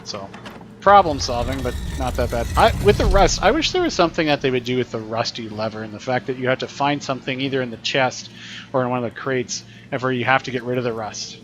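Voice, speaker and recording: A man's voice: mid-range voice, fast talker, a bit bright, a little hiss or hum. Chatty man explaining while gaming. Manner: chatty and explanatory, thinking aloud. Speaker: teacher streaming gameplay. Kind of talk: casual gameplay commentary.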